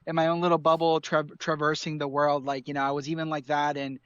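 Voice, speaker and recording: This man grew up in Ecuador and speaks fast in a fairly high, clean voice, though the dry recording sounds dull. He's a guest artist on a remote call, chatting casually in a relaxed, rambling way full of fillers, from a home room cooled by air conditioning in a hot city.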